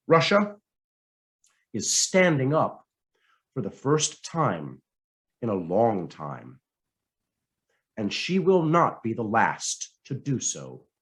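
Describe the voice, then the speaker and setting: A man with a mid-range voice reads a written essay aloud as scripted narration, delivering it in a measured, dramatic way with deliberate pauses.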